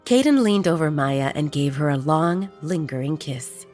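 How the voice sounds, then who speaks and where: A woman narrating a romance audiobook in a steady, even storytelling manner. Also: low-pitched, normal speed, faint music behind.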